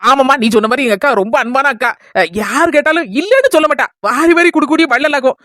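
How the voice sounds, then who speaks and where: A woman's voice: sits high, animated, fast, no room sound, clean studio sound. A woman with a Kanyakumari Tamil accent playing a kind, consoling neighbour in a comedy skit. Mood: friendly. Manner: gentle, soothing, affectionate.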